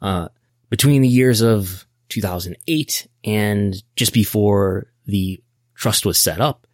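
This American man speaks slowly in a fairly low voice, and the studio-quality recording has no room sound. Hosting his podcast, he explains business topics casually in a wry, nerdy style, frequently thinking out loud.

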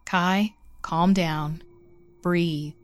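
Lady playing a scared young aunt in a horror story, low and firm, smooth voice, keeps it calm. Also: very slow. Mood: tense, firm. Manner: low, steady, urgent calming. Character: young woman, shaken but firm aunt.

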